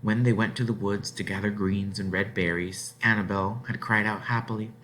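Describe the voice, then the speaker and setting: A man reads a children's book aloud in a lively storyteller's manner, stretching out words and phrasing things dramatically. His voice sits fairly low.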